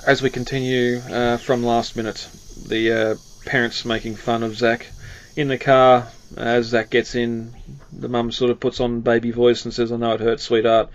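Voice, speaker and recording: A man's voice: medium pitch, little pitch movement, normal speed. A man co-hosting a casual film podcast, rambling with lots of fillers and frequent chuckles. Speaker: podcast co-host.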